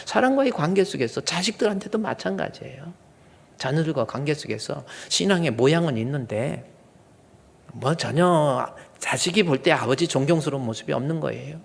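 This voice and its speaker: Gravelly man preaching in a reverberant hall. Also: fairly high pitch. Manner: earnest preaching, acts out angry fathers in quoted asides. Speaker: pastor. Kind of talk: sermon. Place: church sanctuary.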